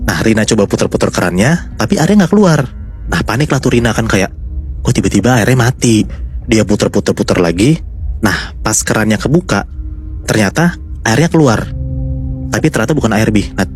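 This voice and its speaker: A man's voice: fairly low pitch, sing-song, a little fast, faint music behind. A man casually telling a horror story to his co-hosts, chatty and building suspense. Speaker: storyteller host.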